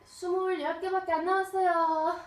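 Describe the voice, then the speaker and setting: A woman's voice: sits high, lively intonation, slow. A young woman coaching a home workout like a gym coach, counting out reps and cues with some exertion, heard from across a room. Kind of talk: exercise coaching with rep counting. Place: small carpeted home room, indoors. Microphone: camera a few metres away. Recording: roomy, echoing, distant camera microphone.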